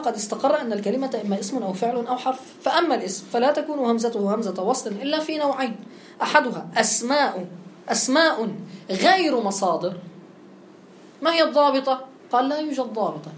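A woman teaching a grammar lesson. She keeps checking understanding with quick questions and affirmations. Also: fairly high pitch, animated, reverberant, slight background noise.

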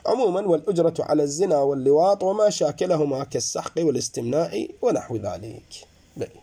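A man lecturing on jurisprudence, his voice mellow and set a little high for a man. He explains and repeats points for his students and swings up and down in pitch as he teaches. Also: animated, fast talker, slightly rough. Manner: explanatory, addresses students as brothers, rises and drops in pitch. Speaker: seminary teacher.

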